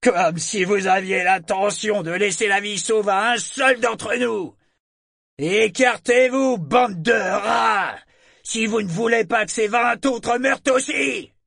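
Guy putting on a cruel sea captain yelling across the waves, high and loud, dry sound. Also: slow, gravelly, no echo, exaggerated voice. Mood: bellowing. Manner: shouting across the water. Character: bellowing enemy ship commander, cruel, defiant.

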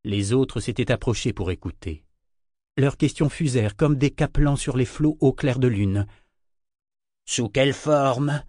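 A man narrating an audiobook in a measured, steady reading. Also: medium pitch, no echo, studio quality.

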